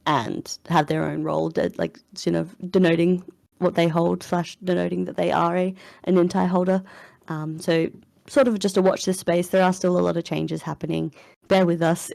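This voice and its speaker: A woman's voice: low-pitched, vocal fry, a little mellow, dry recording, clean studio sound. A woman hosting a casual live voice chat, upbeat and chatty, with fillers and frequent laughs, in her morning voice. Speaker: community manager hosting an AMA. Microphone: voice chat headset or computer mic.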